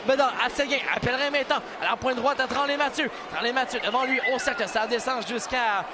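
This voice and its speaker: Male Quebec French play-by-play caller, very high-pitched, excited sports commentary, loud crowd and music behind. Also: heavy background noise. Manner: rapid play calls rising to shouted goal calls. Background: hockey arena crowd and music.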